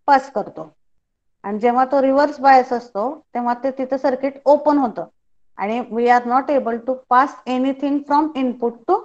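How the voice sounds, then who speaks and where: Woman lecturer, measured and slow overall, checks the class often; muffled low-fi sound. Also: darkish tone. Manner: switches between quick Marathi and slow, spaced-out English; quizzes students with short questions. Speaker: teacher.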